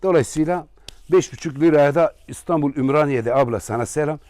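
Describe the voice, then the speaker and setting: A man's voice: fairly high pitch, brisk, a little mellow, in a large hall. A man with an Aegean Turkish accent giving a rambling, joking property tour as a real estate agent. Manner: rambling, joking asides to viewers. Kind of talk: casual property tour vlog. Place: walking through a house and garden.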